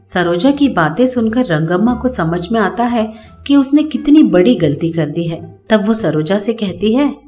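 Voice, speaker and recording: Brief: female narrator for a moral children's story, steady storytelling voice. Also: medium pitch, a little slow, faint music behind. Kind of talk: scripted bedtime-story narration.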